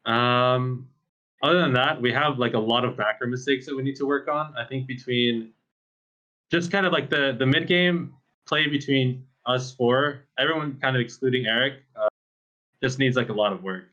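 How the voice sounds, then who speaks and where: A man who plays esports professionally, talking casually in a post-match interview, full of fillers and quick laughs. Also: mid-range voice, pushed and bright, lo-fi sound. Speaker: pro esports player.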